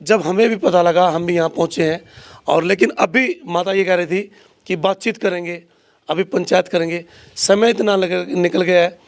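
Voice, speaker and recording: A male local reporter speaks earnestly from the field, addressing viewers directly between questions to a family. His voice sits a little high for a man. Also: steady tone, normal speed, vocal fry, no room sound, clean studio sound.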